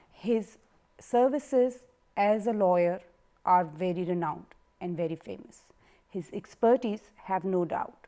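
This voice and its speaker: A woman's voice: on the low side, warm tone. A woman hosting a TV talk show, introducing her guest effusively and asking long, formal questions. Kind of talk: hosting an interview.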